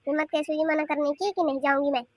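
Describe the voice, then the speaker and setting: Woman doing a bossy cartoon granny, scolding, nagging, high voice, dry close sound. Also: little pitch movement, quick pace, darkish tone, no room sound, lightly acted. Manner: scolding, nagging rhetorical questions. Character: scolding grandmother, sharp-tongued and bossy. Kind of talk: cartoon voice acting.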